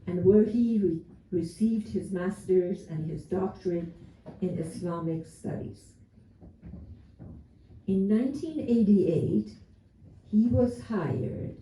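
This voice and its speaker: At a community gathering, an American man in his seventies hosts the event and reads a prepared introduction of a speaker, adding dry humor. His voice is high-pitched and mellow. The distant mic gives a roomy sound with faint noise.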